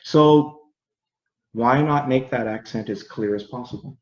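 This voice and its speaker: A Canadian man, an English teacher, explaining earnestly and slowly with examples in a casual interview. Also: mid-range voice. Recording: roomy, dull sound.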